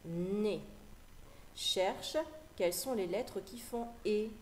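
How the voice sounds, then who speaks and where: Woman, teacher, children's phonics lesson, slow, carefully articulated, repeats words, roomy echo. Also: mid-range voice, a little hiss or hum. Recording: echoey room with faint ambience.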